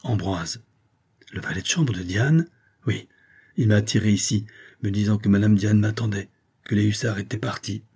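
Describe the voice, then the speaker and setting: A man voicing a betrayed young count who speaks softly and in a subdued, low way. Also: moderate pace, pauses often, breathy edge. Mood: resigned.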